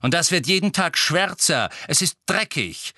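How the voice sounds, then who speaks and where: A man's voice: a little high, expressive, moderate pace, fairly bright tone, no room sound, studio quality, voice pushed up. A man voicing a bitter, curt grown man who speaks scornfully, in an audiobook.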